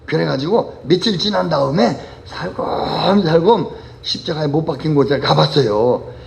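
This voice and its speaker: A male pastor preaching a Sunday sermon, telling parables with lively storytelling. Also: fairly high pitch, normal speed, vocal fry. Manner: animated storytelling with vivid voice changes.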